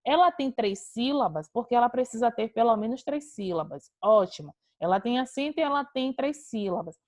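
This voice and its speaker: A woman's voice: a little high, animated, moderate pace, a little mellow, no room sound. Woman teacher on a video call, patient step-by-step explainer, dry close sound. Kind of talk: online class lecture.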